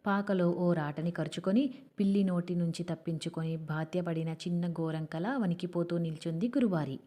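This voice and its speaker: A woman reads a novel aloud in steady, measured storytelling. Her voice sits low and sounds mellow and warm. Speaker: audiobook narrator. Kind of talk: scripted narration of a novel.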